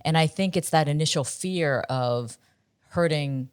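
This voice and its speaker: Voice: medium pitch, unhurried, clear, resonant tone, no room sound, studio quality. A host in a casual interview, asking earnest, probing questions.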